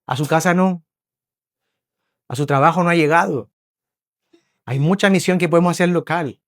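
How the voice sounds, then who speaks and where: A man from Spain preaching a sermon, telling lively stories, acting out voices and often checking in with his listeners. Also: on the high side, normal speed, no echo, clean studio sound. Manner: animated storyteller, acts out voices, checks in with listeners. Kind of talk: sermon with storytelling. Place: church hall.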